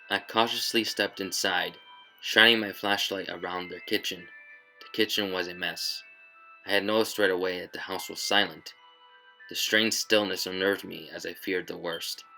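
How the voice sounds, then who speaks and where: A man narrating a scripted first-person horror story in a measured, tense way. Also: deep voice, vocal fry, pushed and bright, poor audio.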